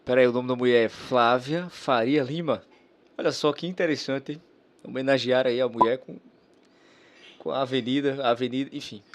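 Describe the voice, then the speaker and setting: A man's voice: mid-range voice, steady tone, normal speed. A man giving slangy, sarcastic react commentary on a debate video.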